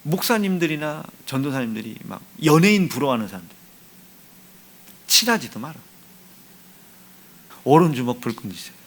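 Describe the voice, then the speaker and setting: Animated Korean pastor teasing his flock. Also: on the high side, moderate pace, long pauses. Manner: animated, teasing, calls out congregants by name. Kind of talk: lively sermon with playful acted-out dialogue. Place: church sanctuary.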